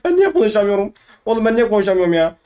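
A man's voice: sits high, big pitch swings, racing, mellow. A young man giving casual let's-play commentary, chatty and playfully swearing, often repeating words over and over. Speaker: gaming YouTuber.

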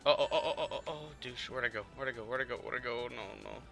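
A man giving excitable play-by-play commentary over a video game, repeating words when he panics. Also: medium pitch, rapid-fire, vocal fry, faint music behind. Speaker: gamer.

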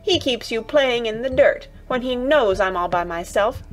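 A woman's voice: on the high side, expressive, normal speed, faint music behind, voice pushed up, lightly acted. Woman doing a whiny sickly spoiled boy. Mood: petulant. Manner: whiny, demanding, rising to shouts. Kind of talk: storybook reading.

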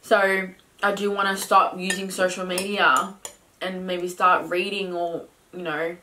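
A woman's voice: on the low side, flat delivery, a little slow, sharp tone, rough recording. A woman in her twenties chatting casually at a table as a guest. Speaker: guest, sister of host, fitness instructor. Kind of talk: casual chat. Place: small room indoors at a table. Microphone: camera a short distance away. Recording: background noise, clinking cutlery and bowls.

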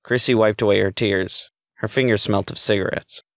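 A man reading a story aloud as narrator, in a steady, measured way. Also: fairly low pitch, vocal fry, no room sound, clean studio sound.

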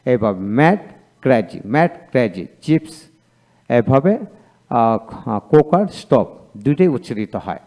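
A man giving a video lecture on pronunciation, reading word pairs aloud in a drawn-out, repetitive way with hesitant fillers between items. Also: mid-range voice, animated, a little mellow. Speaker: English teacher.

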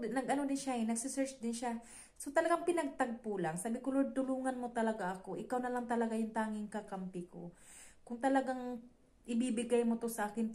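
A young woman from the Philippines telling a personal story to her viewers, animated and acting out her own lines and her employer's in dialogue. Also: a little high. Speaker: vlogger.

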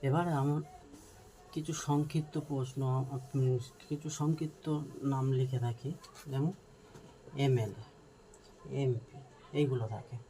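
This is a teacher with a dark, mellow voice who explains a grammar lesson slowly, spelling words out one letter at a time. He keeps checking whether the learners follow along. A faint hiss of background noise sits under the voice. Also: mid-range voice, fairly even intonation, rough recording.

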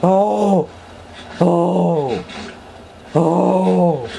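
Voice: medium pitch, extremely slow, creaky, dark tone, rough recording. A let's-play commentator talking through a game, melodramatic and panicky, often repeating the same word in long strings. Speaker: gameplay commentator.

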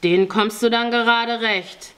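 A woman's voice: fairly high pitch, steady tone, unhurried, a bit bright, smooth, voice pushed up. Woman reading a stern, menacing man. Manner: harsh, threatening. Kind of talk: audiobook reading.

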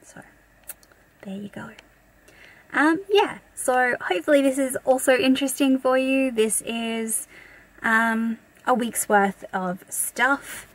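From inside a parked car, a thirty-something Australian vlogger chats about her grocery haul, reading off prices in a matter-of-fact way. She speaks slowly in a high-pitched voice, with no room sound.

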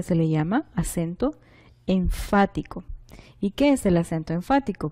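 A woman from Honduras teaching a recorded lesson, with a rather low, mellow voice. She explains patiently, reads example sentences aloud slowly, and poses questions to her pupils before answering them herself.

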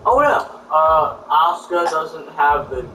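A man's voice: on the high side, very animated, measured pace, pushed and bright. A man hosting a gameplay session, chatting casually and thinking aloud with lots of hesitations. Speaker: gameplay host. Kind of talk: casual gaming chat. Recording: echoey room from far off, noisy.

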